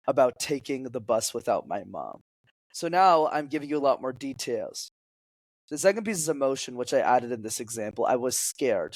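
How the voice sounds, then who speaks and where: A young French-speaking-raised public speaking coach, a guest on a podcast, explains storytelling with energy and a teacherly tone. His pitch is medium, and the audio is poor though free of echo.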